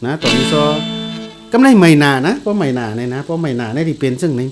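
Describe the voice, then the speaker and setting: A man giving a casual guitar lesson, explaining slowly and repeating note names as he plays. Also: fairly high pitch, very animated. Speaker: guitar teacher. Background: guitar played along.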